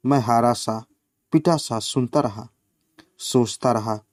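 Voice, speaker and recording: Slow, measured male storyteller. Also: medium pitch, darkish tone, dry recording, studio quality. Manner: slow, measured reading with quoted lines voiced in the flow. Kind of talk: reading a satirical short story aloud.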